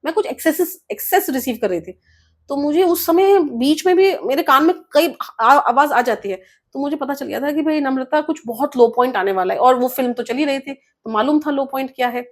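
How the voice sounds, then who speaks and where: Earnest woman with a higher voice. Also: a little fast. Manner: earnest, mixes English words into her speech. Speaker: guest author. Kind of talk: personal story in an interview.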